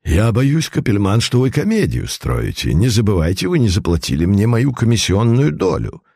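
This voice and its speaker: A man's voice: on the low side, sing-song, normal speed, gravelly, darkish tone, breathy edge, no room sound, studio quality, heavily acted. A man voicing a scheming, greedy baroness who complains angrily and frets. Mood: angry. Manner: angry, fretful complaining.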